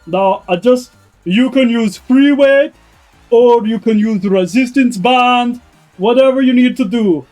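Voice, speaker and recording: A streamer voicing a male Austrian fitness trainer in a mock Austrian accent, counting out reps in a loud, slow drill cadence. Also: mid-range voice, soft background music, voice pushed up, natural voice. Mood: commanding.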